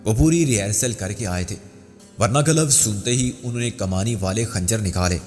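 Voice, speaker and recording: A man narrating a crime thriller novel as an audiobook, with steady storytelling. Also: fairly low pitch. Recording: long hall reverb with faint music.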